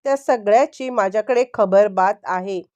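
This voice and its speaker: A woman's voice: medium pitch, normal speed, mellow, close to an everyday voice. A furious young husband who accuses his wife and demands the truth, as a woman narrator reads his lines. The lines are read firmly and insistently in this storybook-style retelling. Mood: angry.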